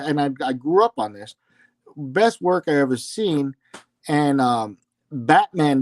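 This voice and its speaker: A man's voice: on the high side, darkish tone, dry recording. Opinionated man with a dry close sound. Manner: opinionated, emphatic comic-book fan. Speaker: podcast co-host. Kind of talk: casual chat.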